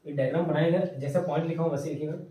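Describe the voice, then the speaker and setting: A man teaching a maths class, slowly dictating theorems and repeating each phrase for students to write down. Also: on the high side, fairly even intonation, warm tone, slight background noise. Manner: slow repeated dictation, mixing Hindi with English terms. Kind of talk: classroom lecture, dictating notes. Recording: echoey room, voice from a distance.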